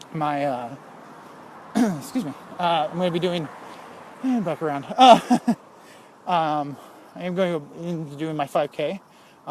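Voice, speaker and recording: A man with a high voice talks to his camera while out on a walk, rambling candidly and filling pauses with ums. He sounds a little out of breath. Faint noise sits behind him. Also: darkish tone. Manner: rambling, candid, with many fillers. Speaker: fitness vlogger. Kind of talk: casual talk while walking. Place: outdoors on a walk.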